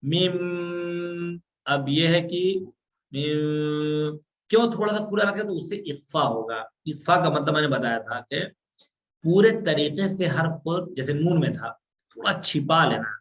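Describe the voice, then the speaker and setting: A man leads an online class on Quran recitation, with a slightly high voice and a slow, unhurried delivery. He explains each rule patiently, checks that his students follow, and stretches out sounds to show how they should be recited. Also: animated. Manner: slows down and draws out sounds to demonstrate recitation.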